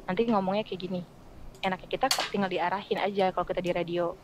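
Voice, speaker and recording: A woman's voice: on the low side, little pitch movement, fast, background noise. A woman who works as a radio voice-over artist, chatting casually as a podcast guest and explaining her craft with spoken examples. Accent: Indonesian.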